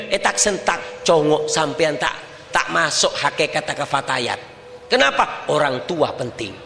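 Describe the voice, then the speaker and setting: A man with a Madurese accent preaching a lively sermon to a women's gathering. He talks emphatically and keeps asking the crowd rhetorical questions. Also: fairly high pitch, gravelly, a little hiss or hum. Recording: echoey reverberant hall.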